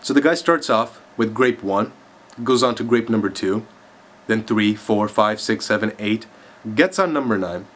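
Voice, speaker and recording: A man's voice: lowish voice, normal speed, a bit bright. A man telling a long joke to his viewers in a chatty, rambling way with lots of fillers. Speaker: vlogger. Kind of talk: casual joke-telling vlog.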